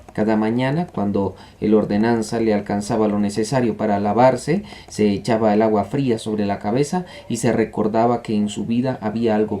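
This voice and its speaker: Male audiobook reader with a mellow tone. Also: lowish voice. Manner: measured storytelling. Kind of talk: literary audiobook narration.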